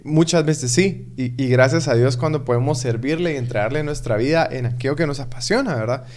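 A man's voice: medium pitch, a little fast, a little mellow. A man talking in an earnest, preaching way during a casual faith conversation.

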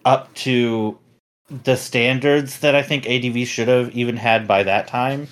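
A man's voice: mid-range voice, steady tone, unhurried. A man hosting a casual podcast chat, rambling and critical, often restarting his sentences. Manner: rambling, critical, self-correcting. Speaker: podcast host.

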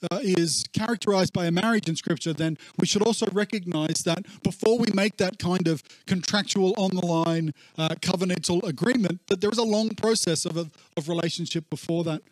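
A man's voice: high voice, fairly quick, hardly any pauses, dry recording. A man giving an informal, discursive church talk as pastor, his voice muffled and gurgling as if underwater from a faulty recording. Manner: conversational, discursive. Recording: muffled, warbly, underwater-sounding audio.

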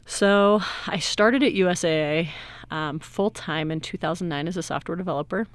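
A woman's voice: lowish voice, moderate pace. A woman in her thirties, a guest in an interview, talking casually and cheerfully about her work and studies, often laughing. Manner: upbeat, laughs easily, explains at length. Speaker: guest, IT director.

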